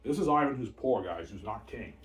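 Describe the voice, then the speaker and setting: Heard through a far-off mic with a bit of noise, the channel host's lowish voice moves briskly and expressively. He's a man in his thirties, boasting in a loose, meandering monologue and capping points with "right?" or "obviously."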